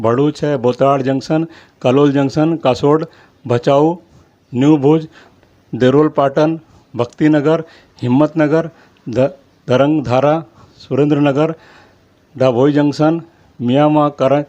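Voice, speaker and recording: A man hosting his own channel, reading out a long list of names in a steady rhythm and apologizing now and then for his pronunciation. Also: mid-range voice. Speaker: channel host. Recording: slightly dull lo-fi audio.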